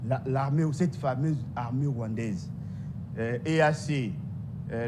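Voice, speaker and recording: A man from DR Congo with a Congolese French accent, arguing emphatically as a guest in a political debate, repeating his points. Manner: emphatic, repetitive, insistent. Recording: noisy studio audio with rumble.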